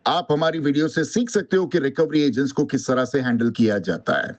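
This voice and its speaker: A man's voice: medium pitch, brisk. A man hosting a consumer-advice channel, giving an upbeat, promotional scripted intro. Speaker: channel host.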